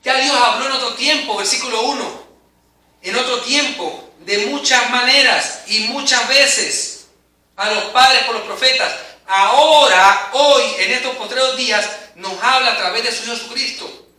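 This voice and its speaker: A man delivers an emphatic, dramatic sermon, his voice high and piercingly bright. He is recorded from across a room that echoes heavily, so every phrase rings out around him. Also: moderate pace. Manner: emphatic, dramatic preaching with rising and falling intensity. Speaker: preacher. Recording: very echoey hall, mic at a distance.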